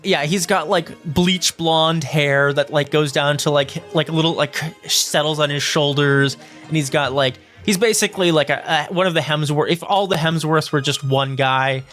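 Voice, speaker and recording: Male game master, casual rambling narration, slightly high voice, soft music underneath. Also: moderate pace. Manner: rambling, lots of 'like' and 'um'.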